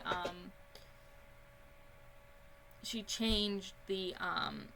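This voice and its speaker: A woman's voice: medium pitch, fairly bright tone, a little hiss or hum. A young woman casually touring a house she built in a life-simulation game, rambling and chatty with lots of ums. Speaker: Sims gaming YouTuber. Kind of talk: casual game build tour.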